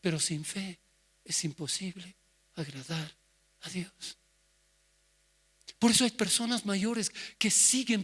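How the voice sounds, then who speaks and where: Impassioned male pastor preaching. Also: high-pitched. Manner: swings from soft asides to loud shouted quotes; acts out the voices of people he quotes. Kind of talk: sermon.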